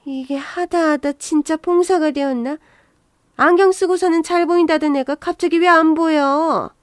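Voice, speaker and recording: Woman doing a high-pitched, scornful older mother-in-law for an audio story, bossy and nagging. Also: steady tone, moderate pace, no echo, studio quality, lightly acted. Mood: scolding. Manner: harsh, nagging, contemptuous.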